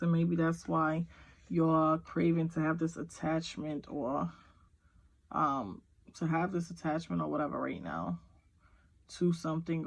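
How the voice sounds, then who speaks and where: A woman's voice: low voice, gravelly, rough recording. A woman giving a casual tarot reading at home, rambling with lots of fillers and talking straight to the viewer. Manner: rambling, filler-heavy, talks to viewer directly. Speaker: tarot reader. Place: at home with kids nearby.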